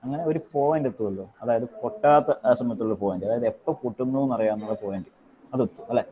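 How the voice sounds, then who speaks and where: A man teaching an online class, explaining in quick repetitive Malayalam and pausing to dictate notes slowly in English. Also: medium pitch. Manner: repetitive, checks in with students often. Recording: dull lo-fi online call audio with faint noise.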